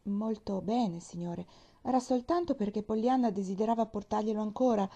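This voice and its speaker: A woman's voice: medium pitch, normal speed, dark tone, dull audio, close to an everyday voice. A woman voicing a young, tender-hearted maid who speaks earnestly and apologetically, close to tears, in a read-aloud storybook. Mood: distressed.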